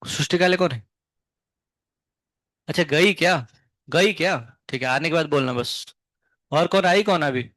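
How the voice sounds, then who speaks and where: A male physics teacher giving a live class lecture, firing quick questions at his students and explaining step by step. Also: fairly high pitch, a bit bright, no room sound. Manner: chatty, scolding then explaining, asks students many quick questions; hums tunes to show wave shapes.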